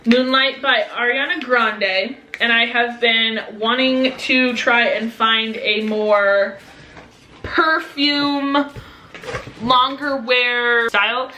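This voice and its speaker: In an echoey space with a little faint noise, a young woman with a fairly high, sharp voice talks her way through a relaxed beauty haul. Fillers like "um" and "like" run throughout her chatty review.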